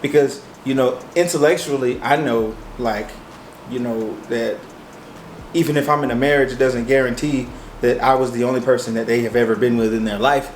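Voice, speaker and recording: A man's voice: medium pitch, steady tone, moderate pace. A man with an American accent chatting casually, thinking aloud and often checking that he is understood. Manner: hesitant, thinking aloud, hedging with frequent checks. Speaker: co-host of a mukbang chat show. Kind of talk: casual relationship chat. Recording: roomy echo, faint background noise.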